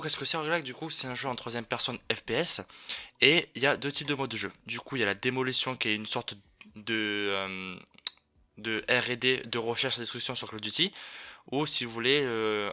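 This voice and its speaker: A man's voice: medium pitch, sharp tone. A man giving casual, rambling commentary over his own gameplay, with many fillers and restarts. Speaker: gaming YouTuber.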